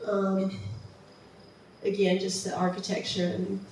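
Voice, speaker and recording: Recorded from far off in a very echoey museum presentation room, this woman gives a casual, enthusiastic travel slideshow talk full of ums and false starts. She speaks slowly in a monotone, at medium pitch with a darkish tone, and there's slight background noise.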